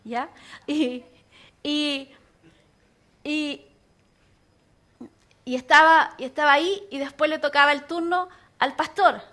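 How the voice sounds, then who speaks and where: A woman pastor, preaching a sermon and telling a personal story in an animated way, acting out other people's voices. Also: sits high, slow pace, long pauses.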